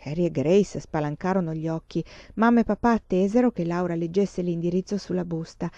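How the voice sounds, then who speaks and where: Woman reading a storybook, low warm voice. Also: brisk, dry recording. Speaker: reader. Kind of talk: audiobook narration. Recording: dull lo-fi recording.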